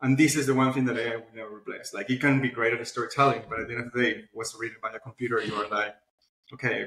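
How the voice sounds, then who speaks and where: The founder of a publishing platform answers questions conversationally as an interview guest. His mid-range voice is fairly even in intonation, racing, pushed and bright. The recording has an echoey room sound.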